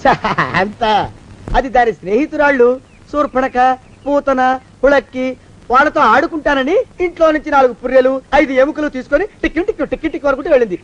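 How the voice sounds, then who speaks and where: A flustered, panicky comic man who wails and dodges with nervous sarcastic jokes in a film comedy. His voice is very high and strained. The film audio is muffled and lo-fi. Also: a little fast, fairly bright tone. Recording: dull lo-fi film soundtrack.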